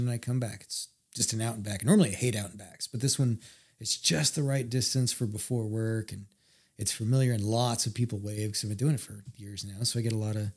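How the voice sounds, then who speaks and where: Fast-talking husky man telling stories. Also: on the low side. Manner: animated storyteller, acts out quotes. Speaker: podcast guest. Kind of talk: casual storytelling conversation.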